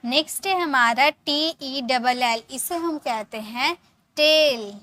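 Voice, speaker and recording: A woman teaches an English lesson with a high voice. She spells each word, repeats it slowly and keeps checking that her students follow. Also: sharp tone.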